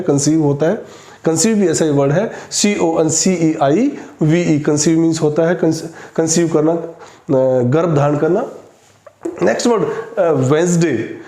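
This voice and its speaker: A man teaching an English spelling lesson, spelling words out slowly letter by letter. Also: a little high, dark tone. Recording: echoey room.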